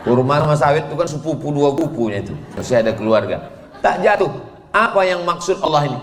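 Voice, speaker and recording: A man preaching a lively sermon, joking with the audience and chanting verses. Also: on the high side, fast. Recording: echoey hall, faint background noise.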